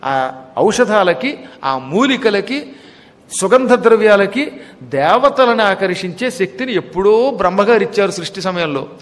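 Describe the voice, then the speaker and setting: A man giving a devotional discourse, teacherly and addressing listeners directly, slowly chanting verses and then explaining them. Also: high-pitched, lively intonation. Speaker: religious discourse speaker. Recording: long hall reverb.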